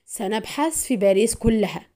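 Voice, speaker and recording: A woman's voice: medium pitch, animated, normal speed, dark tone, natural voice. A woman voicing a male military attaché who speaks urgently and in clipped lines under pressure. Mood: tense.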